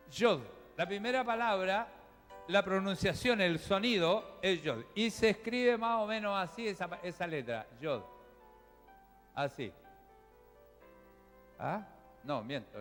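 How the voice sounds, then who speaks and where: Man, pastor, high-pitched, preaching in a church hall with reverb and faint music. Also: a bit bright. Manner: teaching, chatty, addresses the congregation directly. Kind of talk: sermon.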